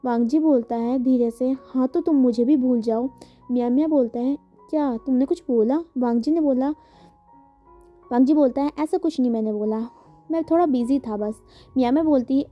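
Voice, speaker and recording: A woman reading a fan fiction story aloud, speaking every character's lines in her own voice and mixing in English words. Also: sits high. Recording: dull lo-fi with faint music.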